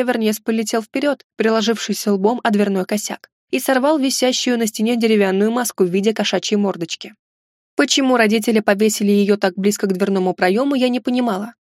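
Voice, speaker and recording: A woman narrating a first-person fantasy novel in an expressive storytelling manner. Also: no room sound, clean studio sound. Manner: expressive, raises pitch for heroine's exclamations. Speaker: audiobook narrator.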